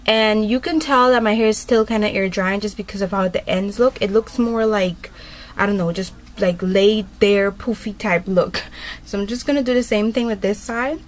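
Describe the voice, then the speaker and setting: A woman's voice: mid-range voice, normal speed. Chatty woman rambling through a tutorial. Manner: chatty and rambling, many fillers. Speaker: beauty vlogger. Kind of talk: casual hair tutorial.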